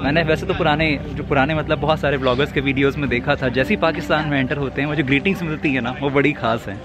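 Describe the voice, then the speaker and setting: A man's voice: fairly high pitch, steady tone, rapid-fire, music in the background. Chatty man vlogging from a border terminal. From India. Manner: chatty, explains each step to the viewer. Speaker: travel vlogger. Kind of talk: casual travel vlog narration. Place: outdoors and indoors at a border terminal. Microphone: camera held at arm's length.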